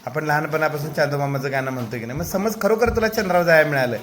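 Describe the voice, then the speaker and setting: A man with a Marathi accent, a teacher gently teasing and coaxing a young pupil with questions in a classroom interview. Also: on the high side, rapid-fire, slight background noise.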